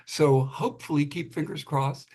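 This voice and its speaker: A man presenting poetry at an open mic, reading and introducing it informally with a halting delivery. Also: a little high, fairly even intonation, a little mellow.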